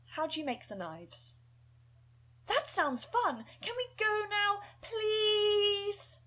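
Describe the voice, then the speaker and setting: A woman's voice: very high voice, lively intonation, slow, bright, forceful tone, voice pushed up, full character voice. A woman voicing a fidgety, restless young female wolf pup who always wants to move on. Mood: impatient. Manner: impatient, eager.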